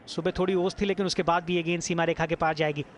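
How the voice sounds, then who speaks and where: A man's voice: fairly high pitch, fairly even intonation, fast. A man with an Indian accent giving analytical, explanatory live cricket commentary. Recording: noisy outdoor ground behind commentary. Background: clear outdoor noise.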